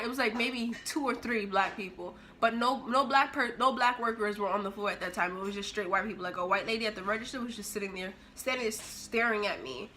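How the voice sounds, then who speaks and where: A young woman vlogger telling a story in an animated, expressive way, acting out the scene as she goes. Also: mid-range voice, a little hiss or hum. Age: young adult. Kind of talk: storytime vlog.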